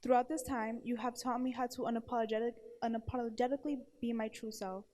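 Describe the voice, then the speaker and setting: Speaking fast and flat in a dark, slightly high voice, a woman in her early twenties earnestly delivers a prepared testimonial as an award presenter. Her stutter involves blocks and repeated syllables.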